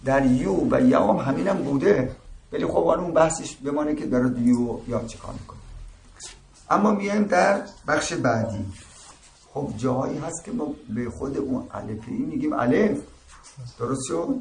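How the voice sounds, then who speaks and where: Pitched on the high side, the man sounds expressive, with vocal fry and a darkish tone as he teaches seminary students. His religious lecture proceeds step by step with frequent checks of "درست شد؟", captured in an echoey room with faint ambient noise.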